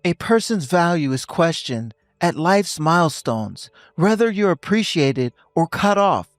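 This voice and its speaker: A man in his fifties voicing a stern husband who speaks calmly and coldly, lecturing his wife. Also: a little high, a little slow, dry recording, studio quality, soft background music. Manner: calm, cold and lecturing. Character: stern husband ending a toxic marriage.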